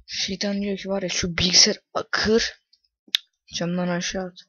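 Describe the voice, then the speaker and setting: A man's voice: high voice, flat delivery, unhurried, bright, forceful tone, dry recording. Frustrated young guy ranting over a game. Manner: frustrated, swears often, rants at the game. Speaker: gaming YouTuber. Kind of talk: casual gameplay commentary. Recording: muffled lo-fi home recording.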